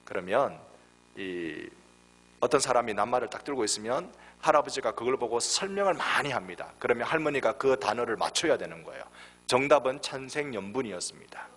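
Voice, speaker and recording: Male guest preacher, forties, Gyeongsang accent; animated storyteller, builds to emphatic peaks; mid-pitched voice, long hall echo. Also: brisk. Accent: Gyeongsang Korean. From Daegu, South Korea. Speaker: guest pastor. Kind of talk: sermon. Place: church sanctuary.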